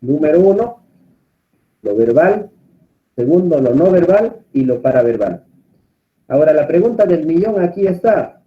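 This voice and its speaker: A man's voice: a little high, a little slow, long pauses. Man teaching a class over muffled audio. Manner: questions the students often, in a calm teaching tone. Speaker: course instructor. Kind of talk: online class lecture.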